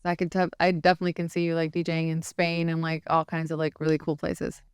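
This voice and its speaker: A woman's voice: low-pitched, monotone, quick pace, smooth, no room sound, studio quality. A woman hosting a podcast interview, chatty and laughing often, with many "like" fillers. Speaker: podcast host. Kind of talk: casual interview chat.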